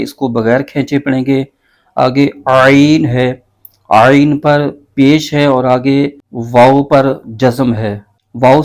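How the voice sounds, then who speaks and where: Man giving a tajweed lesson, steady monotone, patient and methodical, drags out letters when he spells them. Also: mid-range voice. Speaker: Quran recitation teacher.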